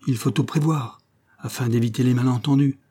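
A man's voice: medium pitch, steady tone, a little fast, close to an everyday voice. A man voicing a proud middle-aged nobleman who turns indignant and raises his voice in an audiobook scene. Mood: guarded. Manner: indignant, hoarse shouting.

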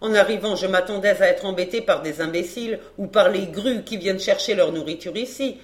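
A woman's voice: medium pitch, brisk, close to an everyday voice. A woman reading an audiobook voices a brash, streetwise female fortune-teller who banters and mocks. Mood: bantering. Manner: bold, bantering, mocking. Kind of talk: audiobook character voice.

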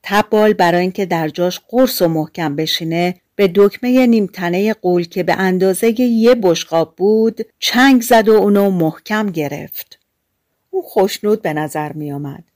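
A woman narrating fairy tales for an audiobook in a calm, colloquial storytelling manner. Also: mid-range voice, no room sound, studio quality.

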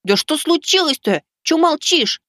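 A man's voice: very high-pitched, lively intonation, measured pace, pushed and bright, dry recording, clean studio sound, pitched above the performer's own voice, full character voice. A man voicing a mischievous young schoolboy who mocks and taunts a classmate. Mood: teasing. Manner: mocking, taunting.

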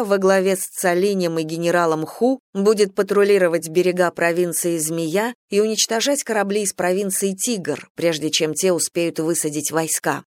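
An audiobook narrator reading a novel in an even, measured way. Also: medium pitch, no room sound, studio quality. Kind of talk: scripted narration.

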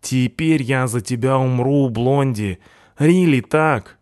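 A man voicing an excitable young male punk who talks in gushing slang. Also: medium pitch, takes it slowly, no echo, clean studio sound, voice pushed up, lightly acted. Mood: excited gushing.

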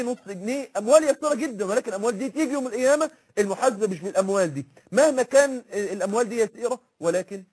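A man's voice: high-pitched, darkish tone, breathy edge. A man with an Egyptian accent giving an impassioned religious lecture, repeating phrases for emphasis. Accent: Egyptian Arabic. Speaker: preacher.

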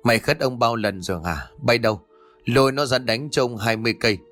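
A man's voice: mid-range voice, quick pace, a bit bright, faint music behind, natural voice. A man reading the part of a cruel, bullying older village tyrant who snarls and barks orders in a storybook ghost tale.

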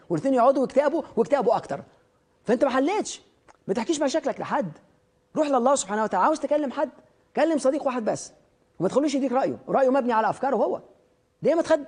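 A man's voice: very high voice, a little mellow. A man with an Egyptian Arabic accent giving a motivational lecture, emphatic and direct, hammering points home by repeating phrases and firing questions at the listener. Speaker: motivational speaker.

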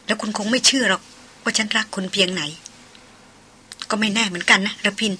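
A woman's voice: medium pitch, fairly even intonation, fairly quick, sharp tone, slight background noise, close to an everyday voice. A woman reading a novel aloud, voicing a passionate, proud young upper-class heiress. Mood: tender. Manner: emotional, pleading then defiant.

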